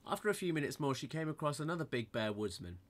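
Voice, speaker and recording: A man's voice: a little high, big pitch swings, quick pace. A man narrating a comic bedtime-style story in a playful, mock-innocent storybook manner.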